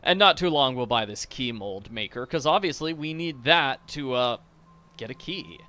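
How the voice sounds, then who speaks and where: A man's voice: medium pitch, animated, moderate pace, pushed and bright. A man hosting a game walkthrough with casual, playful, jokey commentary.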